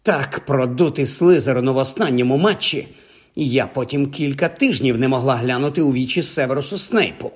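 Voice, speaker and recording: A man voicing a stern older female teacher, strict and measured. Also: medium pitch, breathy edge, lightly acted.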